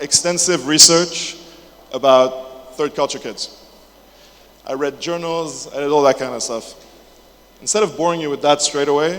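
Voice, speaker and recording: In an echoey conference hall with faint background noise, a young Englishman in his twenties delivers a casual talk packed with jokes, fillers, false starts and swearing. His voice is a little high and a bit bright.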